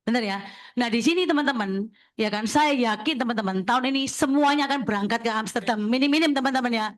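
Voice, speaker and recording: A woman, an insurance agency leader briskly coaching listeners and checking in with them as she talks. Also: fairly high pitch. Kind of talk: sharing tips at a talk session.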